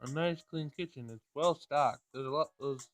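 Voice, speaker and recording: Recording at home with music in the background, a man reads through a visual novel and adds his own casual comments as a gameplay host. His voice is on the high side and he speaks at a normal speed.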